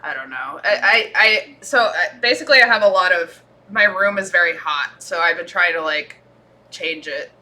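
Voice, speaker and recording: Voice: mid-range voice, animated, moderate pace, sharp tone. A podcast co-host chatting casually over a home computer mic, sitting right in front of a running fan that whooshes behind the voice. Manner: chatty, apologetic about tech troubles. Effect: talking right in front of a running fan, whooshing noise behind. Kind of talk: casual chat over a video call. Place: hot home room. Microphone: home computer mic with noise gate off.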